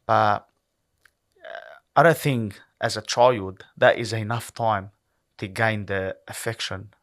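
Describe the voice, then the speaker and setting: A low-pitched man around thirty, from Lebanon, speaking as a podcast guest. He is earnest and reflective and keeps circling back with "you know" as he works through his thoughts. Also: fairly even intonation, slow, a bit bright. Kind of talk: candid interview talk.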